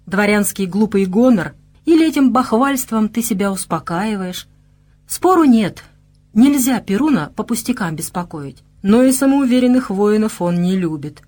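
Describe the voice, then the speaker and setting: A woman's voice: mid-range voice, animated, moderate pace, darkish tone, voice pushed up, lightly acted. A woman voicing an old male bear who leads a band of Cossacks in an audiobook, speaking in a grave, instructive way. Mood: stern.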